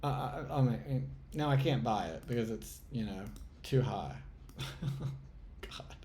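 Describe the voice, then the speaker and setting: Host type, a man thinking aloud over a trading game, muttering and sighing with frustration, mid-pitched. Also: moderate pace, dark tone, a little hiss or hum. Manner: muttering exasperated self-talk, swearing, sighs. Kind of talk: live commentary while playing a trading game.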